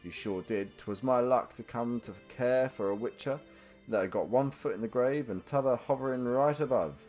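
A man voicing a rough, scheming male thief with a northern English accent, reading out his letter home. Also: medium pitch, moderate pace, a little mellow, soft background music, voice pushed up, lightly acted. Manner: coarse, conspiratorial letter-reading.

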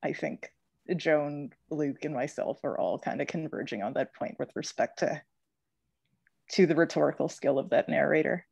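A participant in an online book discussion, speaking in a measured, articulate, teacherly way. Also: medium pitch, vocal fry, a little mellow, husky, no room sound, lo-fi sound. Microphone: video call.

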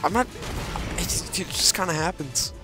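A man's voice: a little high, animated, moderate pace. A young man calling the action in mock play-by-play while gaming with friends. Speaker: gamer. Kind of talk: gaming commentary. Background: game music.

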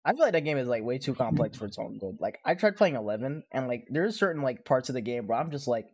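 A man's voice: medium pitch, expressive, fast talker, a little mellow, husky. Rambling young man gamer chatting. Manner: rambling, heavy "like" fillers, laughs often. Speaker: podcast host. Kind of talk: casual chat among friends.

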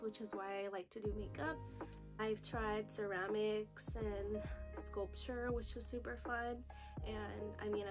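A woman in her twenties from the United States, talking nervously and chattily in a casual vlog recorded on her phone, with lots of "like" and "you know". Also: fairly high pitch. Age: 20s. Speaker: vlogger. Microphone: phone camera video.

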